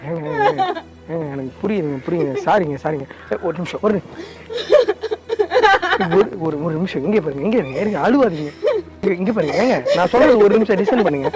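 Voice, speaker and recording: A man's voice: high voice, lively intonation, a little fast. A man hosting a prank video, coaxing and apologizing over and over with nervous laughs. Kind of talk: casual pleading apology. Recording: loud background music.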